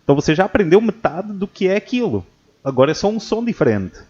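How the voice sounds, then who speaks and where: A man hosting a casual podcast who tells lively stories about teaching and acts out what people said. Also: high voice, quick pace, breathy edge. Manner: animated storyteller who acts out quotes. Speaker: podcast host and English teacher. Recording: dull lo-fi audio.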